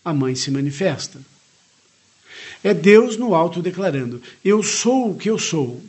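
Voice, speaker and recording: A man reading a spiritual lecture aloud in a measured, earnest way, adding short comments of his own as a teacher. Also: sits high, breathy edge.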